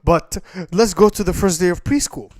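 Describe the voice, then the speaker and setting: A man's voice: sits high, moderate pace. A man telling a fan story off the cuff, rambling and leaning on fillers. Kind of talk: casual improvised storytelling.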